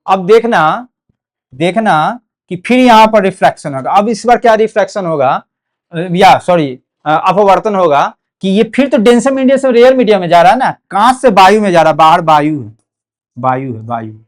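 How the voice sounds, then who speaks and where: A man's voice: high-pitched, animated, normal speed. A young man with a Bihari Hindi accent teaching a board exam physics lesson, repeating key terms and checking in often with "okay". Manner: repetitive, drills key words, frequent "ठीक है".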